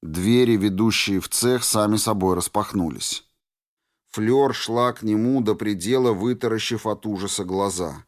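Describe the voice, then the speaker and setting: A man narrating an audiobook in a steady, measured way. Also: lowish voice. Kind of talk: scripted narration.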